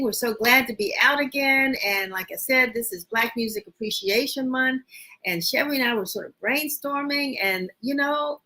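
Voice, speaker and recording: A woman's voice: on the high side, sharp tone, rough recording. A woman hosting a casual interview show over a video call, upbeat and rambling with many restarts, sniffling a little. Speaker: host.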